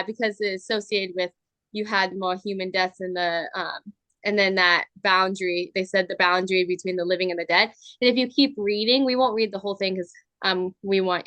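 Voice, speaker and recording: A woman's voice: medium pitch, pushed and bright, no echo. A young adult woman co-hosting a casual podcast chat, talking loosely and wandering into asides as she reads from articles. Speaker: podcast co-host.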